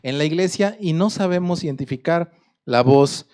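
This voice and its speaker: Man, Mexican accent, sermon, storytelling, fairly high voice. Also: normal speed, a little mellow, clear, resonant tone. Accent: Mexican Spanish. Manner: conversational storytelling, asks the audience questions. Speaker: preacher.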